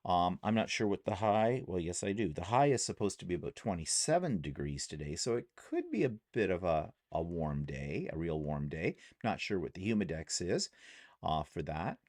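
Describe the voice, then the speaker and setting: A man's voice: sits low, very animated, moderate pace, darkish tone, no echo, studio quality. A man in his sixties, retired, chatting casually in a rambling way with many fillers on a vlog, possibly with a Canadian accent. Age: 60s. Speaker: vlogger.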